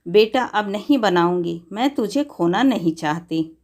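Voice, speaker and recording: A woman's voice: mid-range voice, expressive, unhurried, darkish tone. A woman reading as a mother hooked on likes. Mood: pleading. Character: mother chasing online likes, later remorseful.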